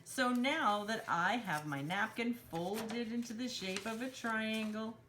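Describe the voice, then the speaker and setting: Taking it slowly, a woman with a slightly high, fairly bright voice leads a children's storytime craft. She gives young kids simple step-by-step instructions and calls herself by name in the third person. Slight background noise can be heard.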